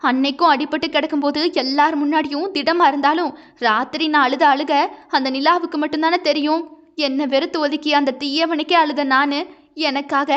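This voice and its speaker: A woman's voice: high voice, fairly bright tone, dull audio. A woman voicing a grieving young wife, impassioned and pleading through tears. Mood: anguished.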